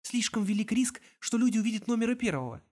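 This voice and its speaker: A sober fairy woman who urges caution in a steady tone, voiced by a man reading an audiobook. The voice sits noticeably higher than his own. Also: quick pace. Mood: urging. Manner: calm, urging caution. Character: adult female fairy, firm and sober.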